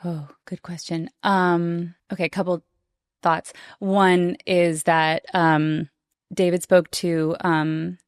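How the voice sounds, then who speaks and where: A woman guest on a podcast, speaking in an earnest, reflective way and pausing to find her words, recorded before a small live audience. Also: on the low side, level tone, clear, resonant tone, no echo, clean studio sound. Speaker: guest performer. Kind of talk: podcast interview.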